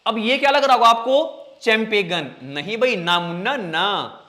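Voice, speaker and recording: Bright and forceful, this man's high voice swings widely in pitch as he teaches English vocabulary online to exam-prep students. He jokes, calls them "bhai" and "beta", meaning brother and child, and drags out each spelling syllable by syllable.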